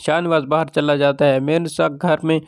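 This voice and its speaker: A man retelling a television drama episode's plot in a steady, matter-of-fact narration. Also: on the high side, clear, resonant tone, dry recording, clean studio sound. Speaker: drama reviewer.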